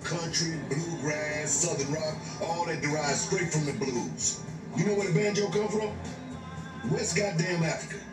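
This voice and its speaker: A man's voice: a little high, unhurried, roomy sound, close to an everyday voice, poor audio. An actor playing an opinionated man who lectures emphatically on music origins, swearing as he goes. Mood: lecturing.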